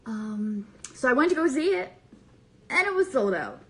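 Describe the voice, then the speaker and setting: High-pitched with big swings in pitch, this young social media creator chats at a moderate pace on a livestream from her bedroom, a small indoor room. She reads out viewer comments playfully and bubbly, rambling with lots of slang, and the audio from her phone camera held at arm's length is poor.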